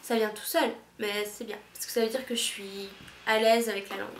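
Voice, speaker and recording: A woman's voice: medium pitch, fairly even intonation, brisk, a little hiss or hum. A young woman from France, an au pair, chatting frankly to camera in a rambling, slangy way with many restarts. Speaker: au pair vlogger. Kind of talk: casual chat to camera. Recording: echoey room with faint ambience.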